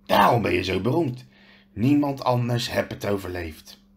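Guy doing a big gruff kindhearted giant from a storybook, gravelly low rumble, stops and restarts a lot. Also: lively intonation, moderate pace. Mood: earnest. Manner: earnest, hesitant storytelling with restarts. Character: huge gruff kindly male half-giant gamekeeper. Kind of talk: reading a storybook aloud.

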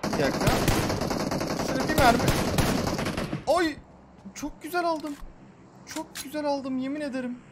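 A man giving live, excitable gameplay commentary as a gaming YouTuber, swearing and talking to his viewers. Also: sits high, very noisy.

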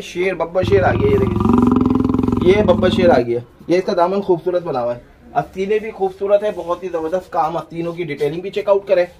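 A man, a clothing shop owner giving an energetic, hard-selling pitch in his small shop. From Pakistan. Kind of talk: sales pitch vlog.

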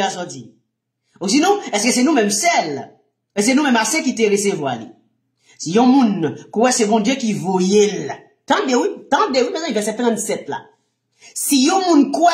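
In an echoey room, a minister with a Haitian accent delivers an impassioned teaching sermon. He fires off rhetorical questions, his voice dropping to low murmurs and rising to shouts.

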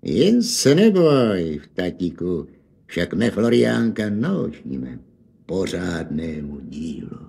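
A man's voice: low voice, sing-song, gravelly, mellow, husky, pitched below the performer's own voice, heavily acted. A man voicing a small, smiling, sly old man with a thin old voice and a Hanák dialect. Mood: sly teasing. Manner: thin old man's voice, teasing. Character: sly, merry little old man, a disguised king.

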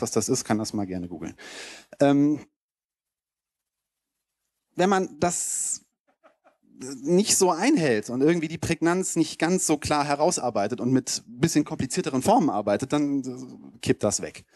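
This keynote speaker is animated yet keeps a moderate pace, his normal-pitched voice a little mellow with a breathy edge. He rambles loosely and casually through an informal slide talk for an audience on a lecture hall stage. The recording, from a handheld mic held close, is dry.

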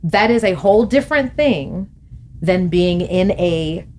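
Talking a little slowly in a lowish voice, a middle-aged woman reflects as a guest on a podcast, where she's interviewed as an author in a studio. She laughs often and gestures animatedly, speaking into a studio mic on a boom arm, with slight background noise.

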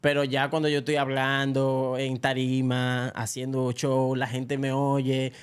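A young adult Dominican man, a comedian, chatting casually and telling lively stories, with a Dominican Spanish accent and a speech habit of not pronouncing the R. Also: medium pitch, a little slow, clean tone. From Dominican Republic. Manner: animated storyteller who acts out quoted voices. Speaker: comedian guest. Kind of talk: casual podcast chat.

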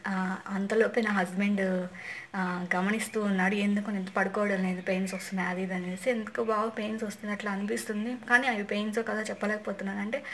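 A woman's voice: mid-range voice, level tone, fast talker, a bit bright. A young woman vlogger casually recounting a personal story, chatty and often repeating herself. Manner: chatty, repeats and restarts phrases. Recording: faint background noise.

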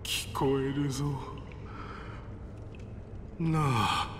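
A man's voice: medium pitch, slow pace, noisy background, close to an everyday voice. A man playing an entranced, wistful samurai. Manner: formal, archaic, wistful. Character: middle-aged male samurai entranced by distant music. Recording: echoey game audio, long reverb.

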